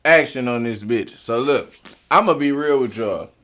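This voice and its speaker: A man's voice: medium pitch, normal speed, fairly bright tone. A man hosting a casual interview in a laid-back, slangy and profane way. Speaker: host.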